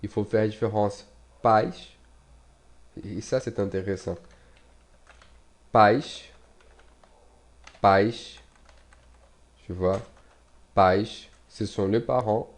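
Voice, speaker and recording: A man with a Brazilian Portuguese accent teaching a casual online language lesson in French, speaking slowly with many fillers and restarts, repeating and spelling out words as he types. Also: fairly low pitch, fairly even intonation, darkish tone.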